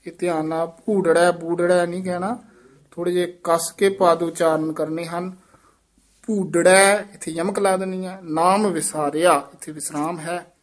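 A man teaching a recitation lesson line by line. He recites each verse slowly and drawn out, then explains the pronunciation briskly and more softly. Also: high-pitched, flat delivery.

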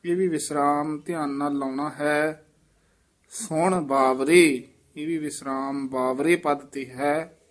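A man leads a recitation lesson at an unhurried pace, his voice sitting a little high for a man. He chants each phrase back and then explains where to pause and how to shape each sound. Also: steady tone. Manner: slow, patient, instructive, chants phrases back. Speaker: Gurbani pronunciation teacher.

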